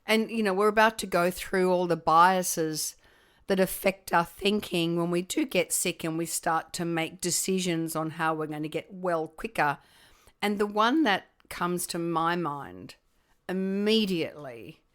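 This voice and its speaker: A middle-aged woman hosting a conversational podcast, hoarse from a cold and speaking in an emphatic, deliberate way. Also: on the low side. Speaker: podcast host.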